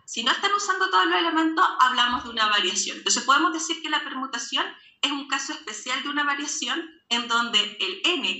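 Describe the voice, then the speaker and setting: Bright-voiced woman teaching a math class. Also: on the high side. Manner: patient, checks understanding with frequent questions. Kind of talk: classroom lesson. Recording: echoey classroom with faint background noise.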